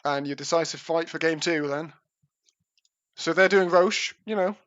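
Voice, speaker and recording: A man's voice: fairly high pitch, normal speed, fairly bright tone, no echo, muffled recording. A man casting an esports match live, with casual, self-mocking patter, heard through a livestream headset microphone. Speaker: esports caster. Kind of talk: live game commentary.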